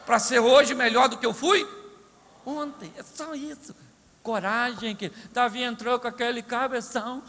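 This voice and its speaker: A man preaching a sermon as pastor, comic and animated, asking the crowd rhetorical questions. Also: sits high, in a large hall, slight background noise. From Brazil.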